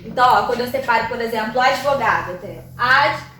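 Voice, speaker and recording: In this classroom lesson, a Portuguese teacher from Brazil talks quickly in a fairly bright, higher-pitched voice, with a little hiss or hum in the audio. Her Brazilian Portuguese explanations move patiently step by step, punctuated by checks such as "ok?" and "tá?". The mic sits far away in a very echoey room.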